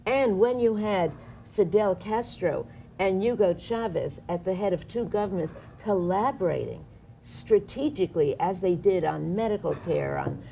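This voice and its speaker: Woman with a low gravelly voice. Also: lively intonation, moderate pace, warm tone, slight background noise. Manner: impassioned, sarcastic political commentary. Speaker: activist guest. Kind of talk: studio panel discussion. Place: studio.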